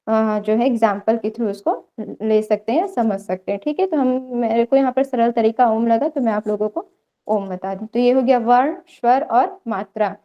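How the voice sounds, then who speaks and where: A woman's voice: on the high side, normal speed, lo-fi sound. A young woman teaching an online yoga theory class, explaining step by step and checking in often with her students. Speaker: yoga lecturer.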